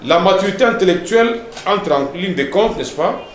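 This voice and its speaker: Male pastor, didactic TV teacher, slightly high voice, echoey room. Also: expressive, moderate pace, noisy background. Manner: didactic, repeats words and tags lines with "hein" and "n'est-ce pas".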